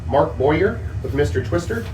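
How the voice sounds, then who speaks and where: A man's voice: fairly high pitch, animated, normal speed, a little mellow. A man working as a tractor pull announcer, reading out competitors and standings in live commentary. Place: announcers' stand at an outdoor motorsport track. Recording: echoey, distant, noisy with vehicle sounds.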